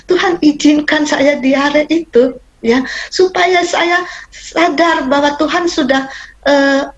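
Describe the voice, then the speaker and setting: Woman, high voice, middle-aged, pastor's wife, emotional testimony sermon, addresses congregation. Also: low-quality recording. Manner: emotional, animated, addresses listeners as "saudara".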